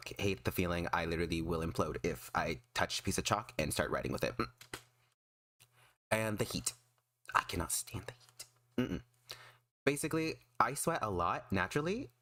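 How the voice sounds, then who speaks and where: Animated low-voiced man, excitable streamer. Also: no room sound. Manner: excitable, self-deprecating, emphatic. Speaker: streamer and artist. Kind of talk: casual livestream chat.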